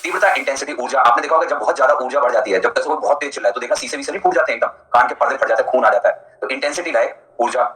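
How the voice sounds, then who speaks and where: A man's voice: mid-range voice, racing, hardly any pauses, echoey room, a crowd in the background, poor audio. A male teacher giving a live online lecture in a chatty, jokey way, answering students by name as he explains.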